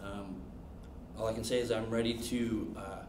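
Thirties man, low monotone interview answers, distant roomy sound. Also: normal speed. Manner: steady, many "um"s. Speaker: substitute teacher and baseball coach. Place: classroom, indoors. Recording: distant echoey classroom with noise.

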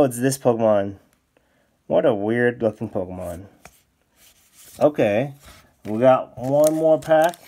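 Slow-talking excitable man unboxing cards. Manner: excitable, bursts into high exclamations. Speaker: card-opening YouTuber. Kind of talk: casual unboxing commentary. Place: indoors at a desk, off camera.

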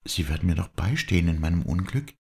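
A man voicing a soft, sorrowful young woman. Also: sits low, lively intonation, quick pace, creaky, voice pushed up. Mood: earnest.

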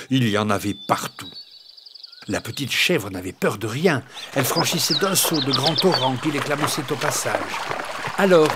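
A man reading a classic children's story aloud, expressive, with dramatic swings in his delivery. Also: mid-range voice.

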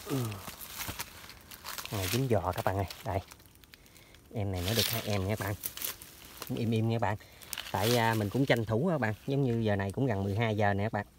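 Chatty, fast-talking man outdoors. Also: fairly low pitch, fairly even intonation. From southern Vietnam. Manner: chatty, addresses viewers constantly. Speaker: trapping vlogger. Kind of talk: casual outdoor vlog narration. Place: outdoors in rural orchards and canal banks. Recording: noisy outdoor field recording.

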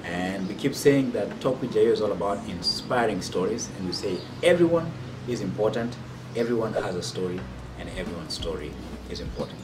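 A man in his thirties hosting an interview with eager, lively delivery. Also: lowish voice, fairly quick. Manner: lively, eager with many affirming fillers. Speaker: host. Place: outdoor garden patio. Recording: distant mic with loud background noise.

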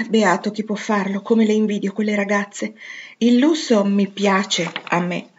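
A woman's voice: medium pitch, steady tone, slow, slightly rough, muffled recording. A woman voicing a sulky older teenage sister who complains about being poor. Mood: grumbling. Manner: complaining, petulant. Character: sulky elder teenage sister, longing for luxury.

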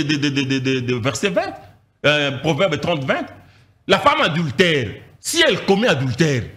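A pastor preaching with fierce, emphatic energy, his voice sitting fairly high and swinging widely up and down. He leans on repetition and rhetorical questions, with a bright, forceful edge to every line. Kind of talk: animated Bible teaching in a televised discussion.

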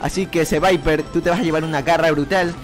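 An excitable man commentates a video game run, cheering on his moves and chatting to his viewers. His voice sits a little high for a man. Faint game music plays behind him. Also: fast talker. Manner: animated, repeats shouts and urges the game on; talks to viewers as "chicos". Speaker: gaming YouTuber. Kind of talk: excited Let's Play commentary.

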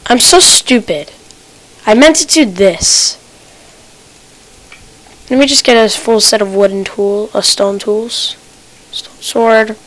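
A woman's voice: a little high, takes it slowly, pauses often, rough recording. A woman giving casual gameplay commentary at her computer, rambling and talking to herself with stutters and restarts. Her keyboard clicks are picked up by the desk mic. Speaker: gamer. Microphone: desk computer mic picking up keyboard clicks.

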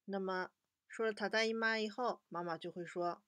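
A young woman teaching a children's language lesson, patiently slowing down to model each word for repetition. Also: medium pitch, fairly even intonation, a bit bright, clear, resonant tone, no room sound.

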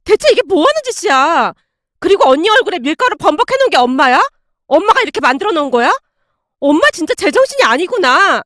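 Casting: a woman playing an upset young daughter, shrieking high, very lively pitch. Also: fast, dry recording, studio quality, exaggerated voice. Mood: sobbing. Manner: wailing, yelling.

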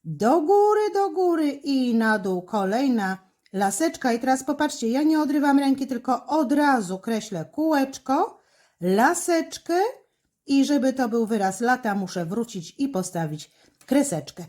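A woman teacher giving a handwriting lesson, slowly and carefully talking through each stroke as she writes, with fillers between steps. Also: sits high, lively intonation, a little mellow. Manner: slow, careful, instructive, with fillers. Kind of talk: handwriting lesson with step-by-step commentary.

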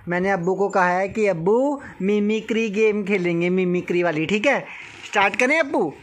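A man's voice: sits high, a bit bright. A young man vlogging at home, talking playfully and coaxingly with a small child. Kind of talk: casual home vlog chat. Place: family home indoors. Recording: noisy home recording.

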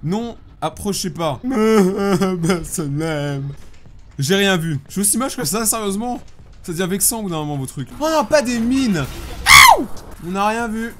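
A young man commentating his own game playthrough in a joking, self-mocking way, with sudden loud outbursts. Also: sits high, normal speed, background noise. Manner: animated, self-mocking, bursts of shouting. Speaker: gaming YouTuber. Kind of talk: joking let's play commentary. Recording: faint background music.

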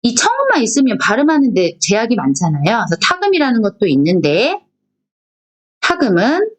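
Korean woman teaching syllables, lively pitch. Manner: patient, repeats each point, asks questions to the class; sounds out syllables slowly one by one. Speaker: Japanese teacher. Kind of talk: recorded online class lecture.

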